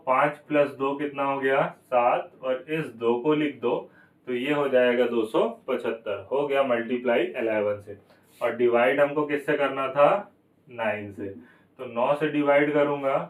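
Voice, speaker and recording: A man's voice: medium pitch, echoey room, distant mic, poor audio. A man teaching a maths lesson for exam prep, asking questions and answering them himself, going step by step. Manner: explains step by step, repeats key numbers.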